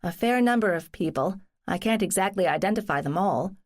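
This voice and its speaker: A woman's voice: mid-range voice, expressive, brisk, close to an everyday voice. A woman, a cozy mystery narrator, voicing an earnest, wry, determined woman in conversational, explanatory audiobook dialogue. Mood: uneasy recalling.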